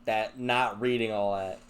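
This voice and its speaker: A man's voice: mid-range voice, a little hiss or hum. A man chatting casually as host, rambling with filler words and laughs, swearing lightly. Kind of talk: casual chat.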